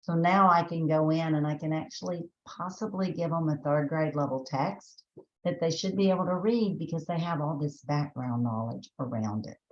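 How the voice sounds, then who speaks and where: In a roomy-sounding recording with the highs cut off, a Texas woman with a Southern accent talks at a moderate pace in a low-pitched voice. She's presenting a teacher training webinar in a chatty way, thinking aloud with frequent restarts and fillers.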